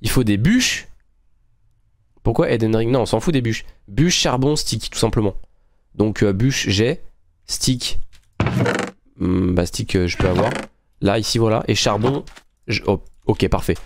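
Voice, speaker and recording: A man's voice: lowish voice, a little slow, long pauses. Chatty man narrating his gameplay. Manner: chatty, thinking aloud while building; friendly, addresses viewers directly. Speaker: gaming channel host. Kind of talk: casual gameplay commentary.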